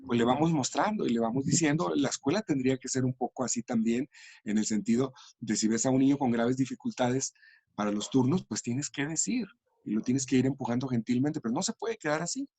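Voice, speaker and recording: A man's voice: medium pitch, a little fast, a little mellow, husky, no echo. A man explaining language and communication in an interview, thoughtful and full of small restarts. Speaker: education and language researcher.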